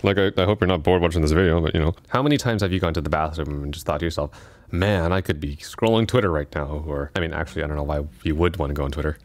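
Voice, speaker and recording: Deep-voiced man narrating a video essay. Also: quick pace, dry recording. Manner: casual and conversational, with asides and self-corrections.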